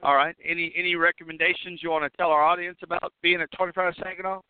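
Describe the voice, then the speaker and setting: A man hosting a casual live call-in show while roving outdoors at an event, talking with many fillers and restarts, coughing and clearing his throat now and then. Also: high voice, flat delivery, racing. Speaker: host. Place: outdoors at a railway depot event. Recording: tinny phone line, dry.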